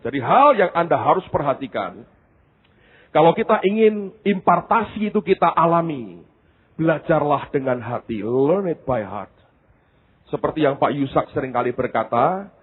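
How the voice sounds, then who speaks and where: A man's voice: on the high side, breathy edge. A male pastor preaching a sermon, telling stories with animation and often addressing the congregation directly. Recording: tinny phone-like sound.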